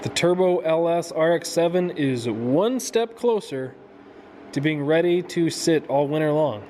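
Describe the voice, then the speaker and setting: A man's voice: a little high, lively intonation, measured pace, dark tone, a little hiss or hum. A man in his thirties talking casually in frat-bro slang with easy swearing, vlogging from a garage workshop on a handheld camera. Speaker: host of a car project vlog. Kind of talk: casual garage vlog talk. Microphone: handheld camera at arm's length.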